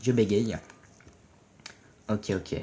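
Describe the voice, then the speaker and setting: Excitable French gamer with a low voice. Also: male voice, very slow, background noise. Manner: playful, excitable, yells and swears at teammates. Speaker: gaming video commentator. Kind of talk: casual gameplay commentary.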